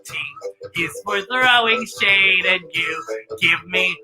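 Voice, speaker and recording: Music plays in the background as a woman presents a kids' story time, theatrical and exclamatory, with bits of song and a campy drag-style sass. Her voice is lowish and slow.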